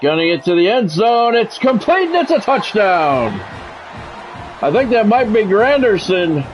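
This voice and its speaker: Very animated and high-pitched, this middle-aged gamer calls a football video game like a radio announcer, going a little slowly. His commentary comes in short, clipped bursts mixed with casual remarks, over a slight hiss or hum.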